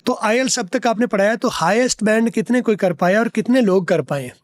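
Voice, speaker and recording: A man's voice: high-pitched, a little fast. A man from Pakistan hosting a podcast interview, asking long questions and giving short replies to the guest. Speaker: podcast host.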